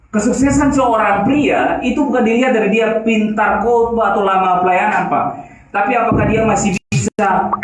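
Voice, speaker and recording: A man delivers an emphatic sermon, calling out rhetorical questions to the congregation. His voice sits fairly high for a man. It rings through a very echoey church hall, picked up from some distance off the mic. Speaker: preacher.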